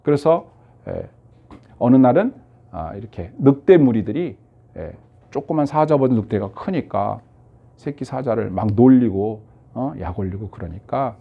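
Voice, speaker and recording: A man's voice: medium pitch, expressive, unhurried, gravelly, husky. A male pastor preaching a sermon, telling stories with rhetorical questions and frequent fillers, on a dull lo-fi recording.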